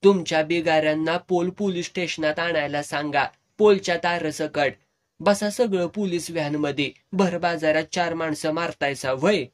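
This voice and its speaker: A man voicing a gruff, impatient police officer who barks orders. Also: on the high side, fairly even intonation, moderate pace, close to an everyday voice. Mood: stern.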